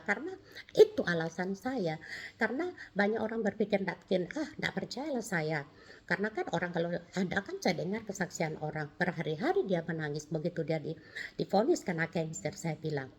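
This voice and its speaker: A middle-aged woman, giving a personal testimony in an animated, storytelling way, acting out the dialogue and often restarting her sentences. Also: on the low side, slightly rough. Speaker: testimony speaker.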